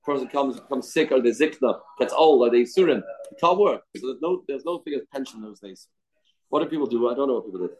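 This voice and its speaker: A man's voice: medium pitch, animated, quick pace, darkish tone, low-quality recording. A man gives an informal religious lesson, reading from a text and explaining it, often repeating phrases and posing rhetorical questions. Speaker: Torah teacher.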